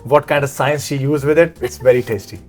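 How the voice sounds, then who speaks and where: A man's voice: mid-range voice, steady tone, a little fast, soft background music. A man co-hosting a podcast, chiming in with chatty, agreeable asides. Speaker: podcast co-host. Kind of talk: podcast interview.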